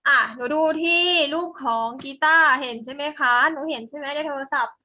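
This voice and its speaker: High bright-voiced woman teacher. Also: brisk. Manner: patient, coaxing questions to pupils. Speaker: primary school science teacher. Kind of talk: online class lesson.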